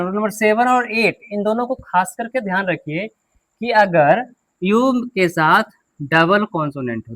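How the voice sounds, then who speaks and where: High-voiced man teaching. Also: a bit bright. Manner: drills with repeated questions and answers. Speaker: English teacher. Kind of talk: classroom pronunciation lesson.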